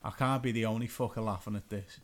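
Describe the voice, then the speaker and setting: A young man telling a story in casual chat, animated and laughing often, acting out what other people said. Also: fairly low pitch, fast.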